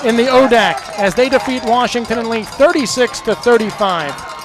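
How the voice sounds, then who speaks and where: A man calling a college football game live on radio as the play-by-play announcer, with energetic, emphatic delivery. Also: very high-pitched, normal speed, over a noisy crowd. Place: press box at a college football stadium.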